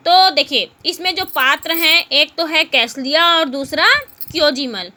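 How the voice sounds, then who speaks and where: Bright high-voiced woman teaching children. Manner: patient, asks the children questions and answers them herself; repeats words slowly for pronunciation. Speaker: school teacher. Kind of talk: Hindi lesson for children.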